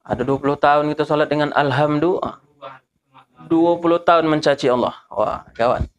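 A man teaching correct pronunciation of Quran verses, slowly drawing out and repeating letter sounds as he demonstrates. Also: fairly high pitch, steady tone.

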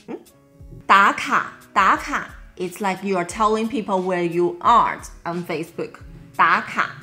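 A woman's voice: medium pitch, sharp tone. A woman in her thirties with a Taiwanese accent, a native Mandarin speaker, teaching a language lesson to camera and repeating key terms. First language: Mandarin Chinese. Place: small room at home, indoors.

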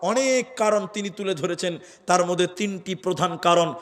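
High-voiced preacher in an echoing hall. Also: male voice, steady tone, fairly bright tone. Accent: Assamese Bengali. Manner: chants verses in a sing-song melody, then preaches in quick rhetorical questions. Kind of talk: sung and spoken Islamic sermon. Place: large outdoor or hall religious gathering. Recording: echoey hall with reverb, music behind.

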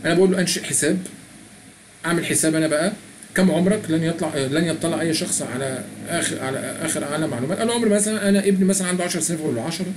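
A man's voice: fairly high pitch, rapid-fire, noisy background. A middle-aged man with an Egyptian Arabic accent, walking through a language app in a chatty way and reading its prompts aloud. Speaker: tutorial presenter. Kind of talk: screen-recorded app walkthrough.

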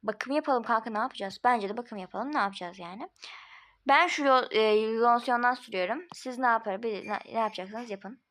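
A woman's voice: fairly high pitch, a little fast, fairly bright tone. A woman voicing a chatty, casual home-made doll role-play with several characters.

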